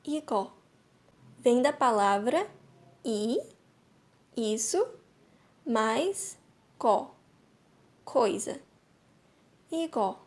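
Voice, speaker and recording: A young adult woman narrating a language lesson, speaking clearly and deliberately and repeating each example slowly. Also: fairly high pitch, lively intonation. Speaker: Korean language teacher.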